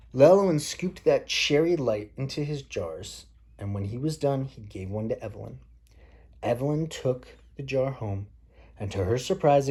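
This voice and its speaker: In this picture book read-aloud, a dad speaks to his child and pauses for relaxed asides that explain things in simple terms. His voice sits in the middle range and sounds mellow and husky, over faint background noise.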